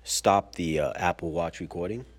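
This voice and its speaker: A man hosting his own podcast in a relaxed, chatty and upbeat way, sitting at his desk at work and recording straight into a smartwatch. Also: sits low, normal speed. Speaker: podcast host. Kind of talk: casual solo podcast talk.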